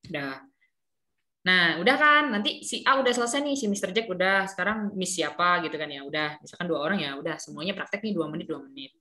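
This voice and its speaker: Woman trainer with a lowish voice. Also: expressive, quick pace, sharp tone. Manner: chatty, explains with worked examples and frequent fillers. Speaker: teacher trainer. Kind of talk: casual instructional briefing.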